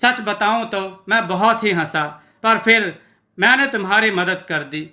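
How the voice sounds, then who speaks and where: A man's voice: high voice, unhurried, sharp tone, heavily acted. A man playing Chutungi, a cheeky rat-like creature. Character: small rat-like male kitchen creature, cheeky helper.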